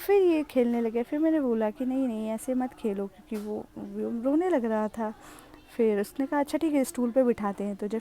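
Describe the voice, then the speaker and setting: A young woman talks through her home vlog in a chatty, affectionate voice that sits a little high. Her tone is mellow and soft rather than bright, and she teases about the children as she tells it. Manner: chatty and fond, teasing about the kids. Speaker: vlogger. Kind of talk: casual vlog narration.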